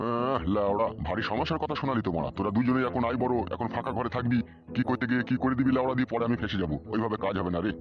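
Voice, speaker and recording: A man's voice: medium pitch, very fast, muffled recording, natural voice. A man playing a foul-mouthed hot-tempered village dad. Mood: gruff. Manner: swears constantly, barking and scolding. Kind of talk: comic audio drama. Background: background music.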